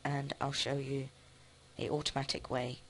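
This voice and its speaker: A man casually commenting on his own gameplay, thinking aloud with many halting restarts. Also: medium pitch, completely flat delivery, a bit bright, a little hiss or hum. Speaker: let's play host.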